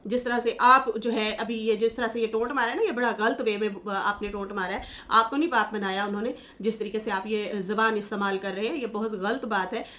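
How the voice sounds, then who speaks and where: A woman's voice: mid-range voice, fairly even intonation, brisk, hardly any pauses, sharp tone. A woman giving casual commentary, reading viewer comments aloud in a chatty, scolding manner and laughing as she mocks. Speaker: YouTube commentator.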